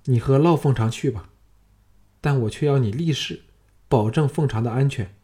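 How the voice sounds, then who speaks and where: Storybook empress dowager, cold and scornful, mellow tone , man reads her. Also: mid-range voice, normal speed, lightly acted. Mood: weary. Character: haughty angry empress dowager, middle-aged woman.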